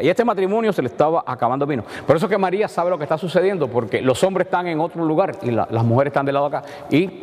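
A man preaching a sermon in an animated way, acting out the dialogue with rising and falling tones. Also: medium pitch, in a large hall.

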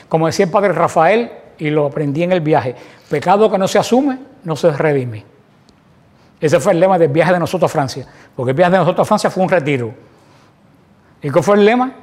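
High-voiced man preaching a sermon. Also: darkish tone. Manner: asks rhetorical questions and acts out everyday prayers. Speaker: preacher leading a Bible study.

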